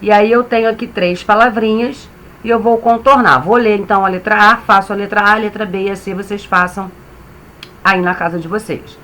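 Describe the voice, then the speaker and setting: A woman teacher with a Brazilian accent, giving a reading lesson to young children and sounding out syllables clearly. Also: mid-range voice, steady tone, a little fast, fairly bright tone. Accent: Brazilian Portuguese. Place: home, reading from a computer.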